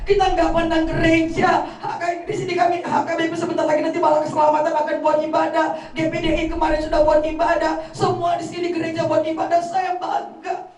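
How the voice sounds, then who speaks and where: Far from the microphone in an echoey room, with slight background noise, a middle-aged North Sumatran woman gives a eulogy as the daughter at a funeral gathering. Her extremely high, slightly mellow voice carries heartfelt family stories and quotes from relatives.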